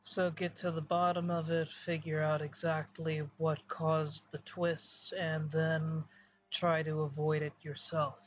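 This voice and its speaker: Even, higher-pitched man in tabletop role-play. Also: takes it slowly. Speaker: participant in a tabletop role-playing game.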